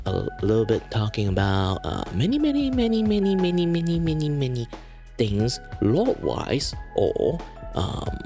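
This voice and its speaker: Speaking as a virtual streamer, a man with a lowish, creaky, somewhat dark voice introduces himself. He comes across as casual and playful, wandering from point to point with noticeable hesitation.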